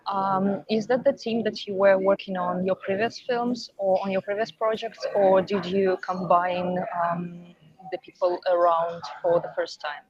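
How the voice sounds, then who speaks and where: A woman moderating a festival Q&A, asking a question in a polite, measured way. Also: mid-range voice, flat delivery. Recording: dull lo-fi sound.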